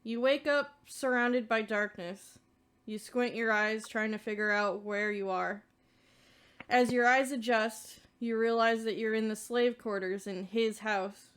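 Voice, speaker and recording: A young woman runs a tabletop game with a smooth, clear voice that sits a little high. She narrates in a calm, steady storytelling manner, checking in with each player in turn. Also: unhurried. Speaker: dungeon master.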